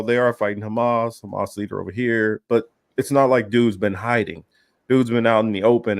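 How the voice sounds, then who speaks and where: A man's voice: fairly low pitch, no room sound, clean studio sound. A man co-hosting a casual political talk, rambling and emphatic, with many fillers and restarts. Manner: heated, emphatic. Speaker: podcast co-host.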